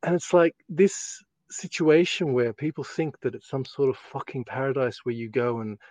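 Broad Australian bloke, sweary and slangy. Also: male voice, mid-range voice, moderate pace, darkish tone, no echo. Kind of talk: casual chat, rambling storytelling.

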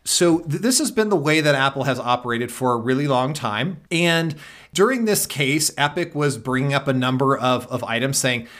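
A man co-hosts a relaxed tech podcast, walking listeners through topics in a long, conversational way. His voice sits at a middle pitch with a bright, forward edge. He restarts sentences often and leans on fillers as he goes. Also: normal speed. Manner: explains at length with frequent restarts and fillers. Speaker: podcast co-host. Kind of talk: casual tech podcast chat.

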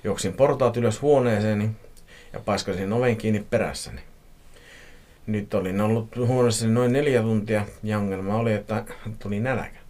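A podcast host reading a listener's horror story aloud, playful and joking between passages. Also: male voice, on the low side, darkish tone. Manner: playful, laughs at his own reading.

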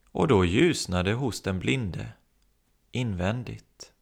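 A man's voice: lowish voice, animated, creaky, darkish tone, breathy edge. A man preaching a sermon, telling stories and acting out the voices in them. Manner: storytelling, acting out quoted voices.

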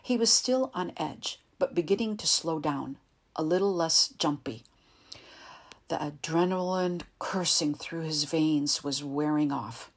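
A woman reading an audiobook in a calm, measured way, sometimes dropping to a soft whisper. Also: deep voice, slightly rough. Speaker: narrator. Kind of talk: audiobook narration.

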